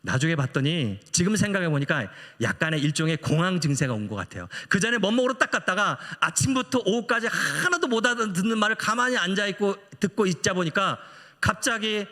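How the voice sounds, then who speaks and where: Lively middle-aged preacher in echoing church. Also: male voice, high voice, brisk. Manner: animated storytelling, acting out quoted voices. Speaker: missionary preacher. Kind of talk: storytelling sermon. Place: church sanctuary. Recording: long church hall reverb.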